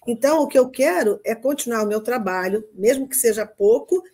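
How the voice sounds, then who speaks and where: An older woman with a Rio de Janeiro accent talks earnestly over a video call. Her voice sits slightly high, and she often pauses to make sure she's been understood. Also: expressive, dark tone, breathy edge. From Brazil. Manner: earnest, heartfelt, often checks in with "entendeu?". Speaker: physician client. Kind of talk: casual conversation.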